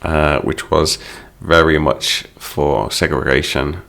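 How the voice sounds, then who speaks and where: Male English teacher, low gravelly voice, patient explainer, walks through song lyrics. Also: fairly even intonation, takes it slowly, fairly bright tone.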